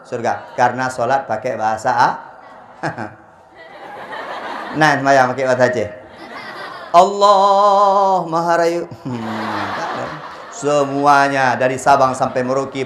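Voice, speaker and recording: A man's voice: mid-range voice, a little hiss or hum. A man, preaching a humorous sermon and acting out the people in his stories. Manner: animated storytelling, acts out quoted voices. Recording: echoey hall with faint ambience.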